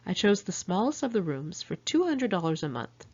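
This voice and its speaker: Big pitch swings mark this middle-aged Californian's reading of her own memoir, delivered at normal speed in a mid-range, somewhat mellow, slightly rough voice. The lo-fi audiobook narration is first-person diary storytelling, candid and wry with sardonic asides.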